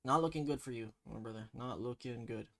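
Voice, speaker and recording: A man with a Toronto accent runs a casual slang quiz at a middle pitch. He talks in slangy banter, teasing his contestant with mock sternness. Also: fairly quick, creaky. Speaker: quiz host.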